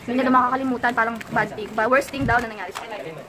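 A Filipino woman vlogger in casual, teasing chat, quick to laugh. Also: on the high side, fairly even intonation, crowd noise, poor audio.

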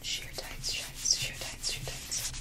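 A woman in her twenties whispers fast, aggressive ASMR right up close to a desktop microphone, rapidly repeating short phrases. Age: 20s. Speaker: ASMR host. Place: small bedroom indoors. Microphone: close desktop condenser microphone.

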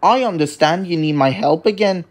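A man's voice: on the high side, moderate pace, soft background music, natural voice. A man voicing a friendly, cheerful male bus in a kindly, reassuring way.

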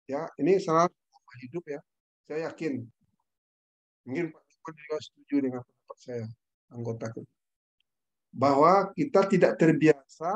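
A middle-aged man with an Indonesian accent giving an online class, switching between Indonesian and English and explaining with personal stories. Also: on the high side. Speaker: presenter.

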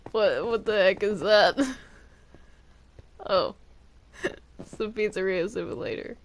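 During a multiplayer game roleplay session, a player with a slow, mid-range voice makes casual, hesitant conversation, captured in a noisy recording made at home.

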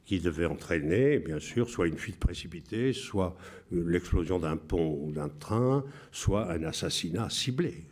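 A man in his seventies from France, a writer talking reflectively in an interview, deliberate, with pauses and restarts. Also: sits low, darkish tone. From France (Bordeaux).

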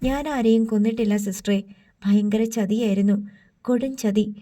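A woman's voice: on the high side, steady tone, moderate pace, warm tone, close to an everyday voice. A woman reading the part of a wounded young male prisoner, bitter and defiant, in an audiobook. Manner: pleading then vowing revenge. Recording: slightly distant from mic.

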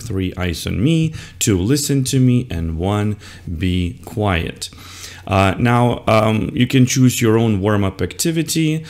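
An older man with a low voice walks fellow teachers through a lesson on screen. He speaks slowly and deliberately, modelling each word and answer as he clicks through the slides. The recording is close and plain, from his desk. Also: a little mellow. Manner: explaining steps to other teachers, modelling words and answers. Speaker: English teacher. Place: indoors at a computer.

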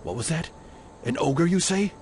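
A man's voice: a little high, lively intonation, normal speed, natural voice. Man doing a serious game smith, formal and grave, faint hiss behind him. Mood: solemn.

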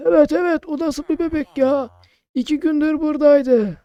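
A man voicing an old male market shopkeeper, fussy and pricey, in a loud, high, strained old-man voice for a game role-play. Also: fairly even intonation, normal speed, highs cut off. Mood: chatty.

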